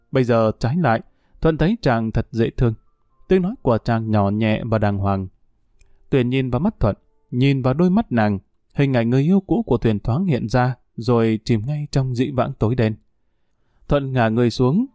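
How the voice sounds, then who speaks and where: Man reading a story aloud, dark mellow voice, dry sound, faint music behind. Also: mid-range voice, no room sound. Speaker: narrator. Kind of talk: audiobook story narration.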